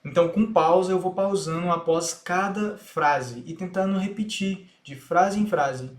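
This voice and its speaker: A man's voice: high voice, measured pace. A man with a Brazilian Portuguese accent, an English teacher explaining a learning method step by step in an online lesson. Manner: patient, step-by-step explaining, repeats English lines to demonstrate. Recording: echoey room sound.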